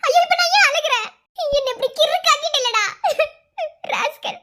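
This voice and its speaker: A woman's voice: extremely high pitch, a little fast, very noisy. A woman with a Madurai Tamil accent voicing a lovesick young woman in a cartoon. She talks anxiously and breaks into teary laughs. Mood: tearful. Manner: sobbing laughs between anxious, self-questioning lines. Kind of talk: cartoon voice acting.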